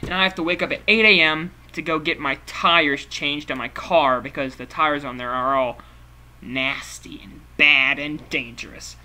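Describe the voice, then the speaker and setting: Bright-voiced young man rambling late at night. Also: a little high, fairly even intonation, moderate pace, hardly any pauses. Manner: rambling, chatty, laughs often. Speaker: vlogger. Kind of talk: casual late-night vlog.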